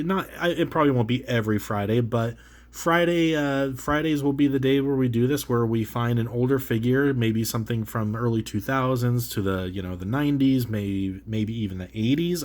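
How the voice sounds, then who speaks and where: Medium in pitch with a darkish tone, this man sounds congested from a cold. He hosts a toy review channel and chats loosely through an action figure unboxing, wandering off track, leaning on fillers and restarting sentences to fix himself.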